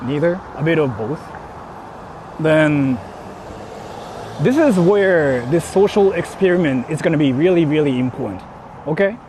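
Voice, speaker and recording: Answering viewer comments he reads aloud, a man livestreams casually while walking an urban street, rambling, swearing, and questioning himself. His voice is a little high with lively intonation, his pace is measured with frequent pauses, and the noisy city is clearly heard.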